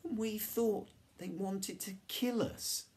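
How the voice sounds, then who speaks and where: A man's voice: lowish voice, lively intonation, measured pace. A man reading aloud and voicing a bold, clever young girl who leads her friends with eager lines. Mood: amazed.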